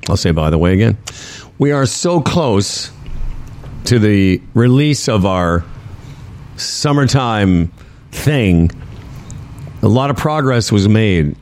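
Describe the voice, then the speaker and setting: A man's voice: lowish voice, lively intonation, slow, pauses often, darkish tone. Easygoing male talk-show host. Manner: easygoing, chatty storytelling. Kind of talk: casual radio chat.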